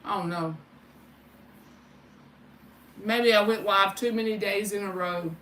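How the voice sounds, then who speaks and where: A woman hosts a tarot livestream, giving spiritual readings while chatting casually with viewers, greeting them by name and swearing a little. Her mid-range voice is sharp and bright, slow and fairly even in intonation. The mic sits at a distance in an echoey, roomy space with faint noise.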